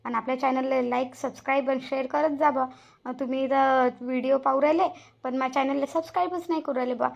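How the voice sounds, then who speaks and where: A touchy, scolding elderly village woman from a cartoon comedy, voiced by a woman. She talks high and fast. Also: fairly even intonation, gravelly, muffled recording. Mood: chatty. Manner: indignant, scolding. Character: touchy elderly village woman Shantabai, proud of her dress. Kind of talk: cartoon voice acting.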